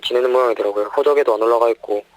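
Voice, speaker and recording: A nineteen-year-old man answering in a news interview, his voice disguised with a deep pitch shift, speaking haltingly. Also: no echo, low-quality recording. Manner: halting, hesitant, short answers. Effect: voice disguised, pitch shifted deeper.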